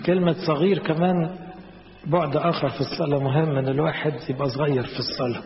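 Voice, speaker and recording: A man's voice: fairly high pitch, steady tone, a little fast. A man with an Egyptian Arabic accent delivers a sermon, explaining scripture in a plain, teaching tone. His voice carries a long echo through a large hall. The recording sounds slightly dull, with faint noise behind it. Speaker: preacher.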